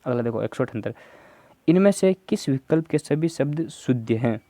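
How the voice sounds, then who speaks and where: A man's voice: medium pitch, animated, normal speed, warm tone, no room sound. A man teaching Hindi grammar for an exam, going through answer options step by step and prompting viewers to answer. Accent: Rajasthani. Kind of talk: exam prep lesson.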